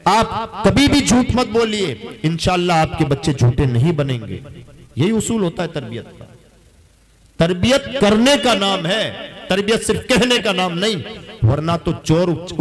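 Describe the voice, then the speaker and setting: An earnest man preaching. His voice sits a little high for a man. He asks his listeners questions and then answers them in his own sermon. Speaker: Islamic preacher.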